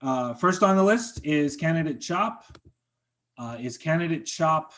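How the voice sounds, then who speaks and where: Man briskly chairing a video-call meeting. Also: on the high side, expressive, fairly bright tone. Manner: brisk procedural, polite thanks.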